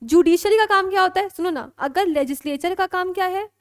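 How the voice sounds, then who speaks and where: A woman's voice: very high voice, fairly quick, no room sound, clean studio sound. A woman teaching law in a classroom lecture with an Indian accent, mixing Hindi and English and often checking that students follow.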